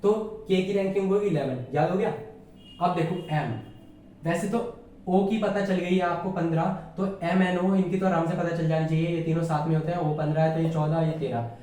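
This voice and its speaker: A man with a fairly high, mellow voice runs a casual exam-prep lesson, chatting familiarly and checking again and again that his students understand. He sits well back from the microphone in a bare, strongly echoing room. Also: steady tone, brisk, a little hiss or hum. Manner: chatty, checks understanding often, calls listeners "yaar". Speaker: reasoning teacher. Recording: very echoey room, voice far from mic.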